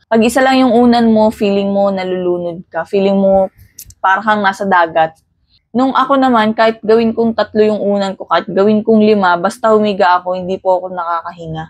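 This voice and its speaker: A young woman from the Philippines tells her own story in a casual vlog, plain-spoken and direct. She drops English words into her talk now and then. The sound is dry and close, with no room echo. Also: mid-range voice. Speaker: vlogger.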